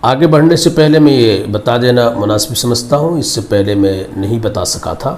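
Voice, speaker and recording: A man's voice: mid-range voice, moderate pace, darkish tone. A man teaching English verb forms, repeating each word several times in formal, Urdu-flavoured Hindi. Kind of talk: slow recorded vocabulary lesson.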